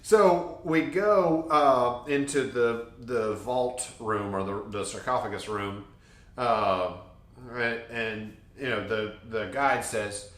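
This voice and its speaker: A man chatting casually about a trip, wandering through his story with plenty of jokes and laughter. His voice sits at a middling pitch. The room around him has a noticeable echo. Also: takes it slowly, a bit bright. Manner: rambling, jokey, laughs often. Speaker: podcast co-host.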